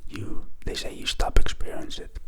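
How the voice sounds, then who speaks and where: Close to the microphone, a guy whispers his way through a slow ASMR Q&A, gentle and in no rush, sprinkling in lots of ums. He is the channel's host, and his first language is Greek.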